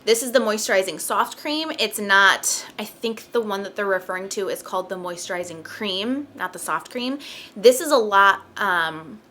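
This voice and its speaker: A young woman talks through her favorite products in a loose, chatty way, leaning on filler words as she goes. Her voice sits at an ordinary middle pitch with a bright, forward edge. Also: moderate pace, slight background noise. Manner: chatty, many "like" and "um" fillers, light laughs. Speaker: beauty vlogger. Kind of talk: casual product review chat.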